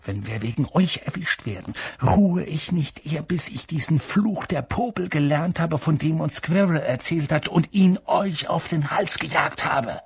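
A man's voice: fairly high pitch, animated, normal speed, vocal fry, few pauses, breathy edge, dry recording, pitched above the performer's own voice, exaggerated voice. A man voicing a grumpy, impatient schoolboy with a curt, annoyed manner in an audiobook reading.

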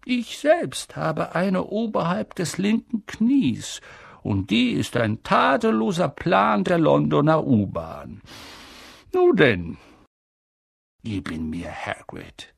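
A wise, elderly wizard who speaks in a measured, gentle and unhurried way, as a narrator puts him on. The voice is gravelly and husky, and it is recorded dry and close. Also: male voice, on the high side, very animated, dry recording, voice pushed up, heavily acted. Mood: calm. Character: wise calm elderly male wizard headmaster. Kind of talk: audiobook character voice.

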